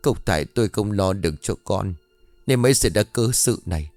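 A man voicing an old mother crying out in grief over her murdered daughter, his voice raised and pitched up. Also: animated, a little fast, darkish tone, dry recording, soft background music. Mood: grieving. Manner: high, wailing, anguished. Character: frantic grieving old mother.

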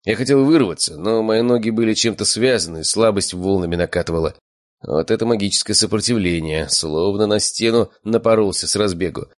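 A man's voice: on the low side, fairly quick, no echo, studio quality. A man reading a first-person audiobook in a wry, matter-of-fact way. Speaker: audiobook narrator.

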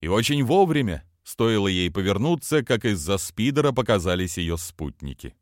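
Low-voiced, expressive male audiobook narrator. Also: normal speed, no room sound, clean studio sound. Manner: expressive storytelling reading.

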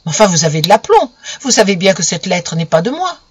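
A narrator voicing a young woman, jealous and indignant, who fires sharp accusing questions in an audiobook. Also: mid-range voice, very animated, moderate pace, no echo. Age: young adult. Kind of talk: audiobook character voice.

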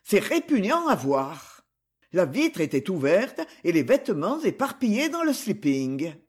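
A man's voice: sits high, wildly swooping pitch, a little slow, husky, heavily acted. A man reading an audiobook, voicing a shaken man earnestly reporting a grisly discovery to a police commissioner.

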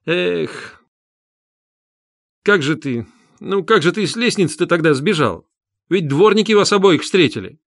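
A man's voice: sits high, animated, unhurried, pauses often, no echo, clean studio sound, voice pushed up. A man voicing Porfiry, an irritable investigator. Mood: irritated interrogation. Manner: sharp, agitated, pressing. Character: Porfiry, irritable middle-aged male investigator.

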